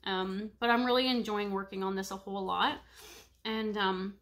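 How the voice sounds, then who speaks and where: A cross-stitch vlogger in her thirties chats casually with viewers from a room at home, her nose congested and stuffy, rambling through a show-and-tell with many fillers. Her voice is medium-pitched, a bit bright, and steady in tone at a normal speed, captured by a webcam at desk distance.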